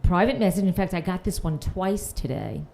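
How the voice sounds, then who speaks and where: A woman's voice: fairly low pitch, lively intonation, normal speed, gravelly, background noise. A woman from Queens doing a dry, self-mocking stand-up set on a comedy panel show. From Queens, New York. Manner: dry, self-mocking, reads messages aloud with sarcasm. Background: audience laughter.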